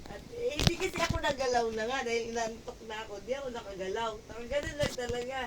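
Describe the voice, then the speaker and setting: High-voiced woman telling a laughing story. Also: quick pace. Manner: animated, laughs often while telling a story. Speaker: gamer chatting while playing. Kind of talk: casual storytelling chat. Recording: distant mic with loud background noise.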